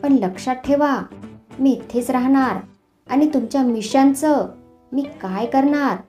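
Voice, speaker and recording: A woman's voice: sits high, a little slow, warm tone, soft background music. A woman voicing a small, brave, cheeky male mouse in a storybook tale, teasing and mocking in a raised voice. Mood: taunting.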